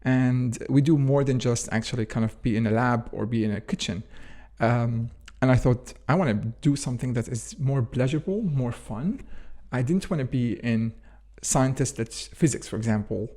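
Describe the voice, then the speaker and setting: He speaks in a dark, mid-range voice at a moderate pace, barely pausing as he rambles. The speaker is a Jordanian food scientist and company founder giving conversational interview answers, with frequent use of "actually" and "sort of."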